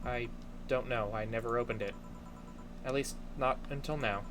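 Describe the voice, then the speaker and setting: A man's voice: medium pitch, fairly even intonation, normal speed, background noise, natural voice. A man voicing an anxious, irritable young woman bartender in a game, with a stammering, dramatic delivery. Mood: hesitant. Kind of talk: hobby video game voice-over.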